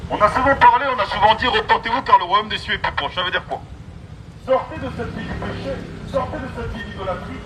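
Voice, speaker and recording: Recorded in poor audio, a man with a high voice preaches fast over a noisy crowd, his megaphone amplified above loud street noise. His urban open-air sermon is forceful and exhorting, and he keeps coming back to key phrases.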